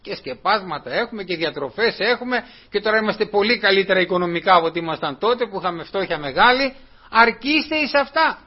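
A man's voice: high voice, expressive, breathy edge. A man preaching a sermon in an earnest, repetitive way, often calling his listeners brothers. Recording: dull lo-fi recording.

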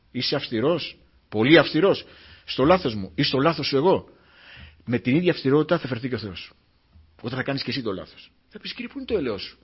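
A man preaching a sermon to his congregation, swinging from loud declarations to hushed, pleading prayer. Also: medium pitch, breathy edge. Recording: muffled lo-fi recording.

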